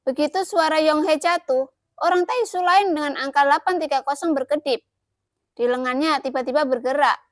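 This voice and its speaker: A woman narrating an audio novel in a steady reading voice. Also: high-pitched, no room sound, studio quality.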